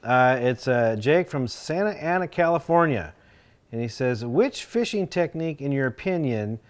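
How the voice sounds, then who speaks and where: A man's voice: mid-range voice, animated, moderate pace. A man interviewing a guest in a living room, reading out viewer questions with easy encouragement.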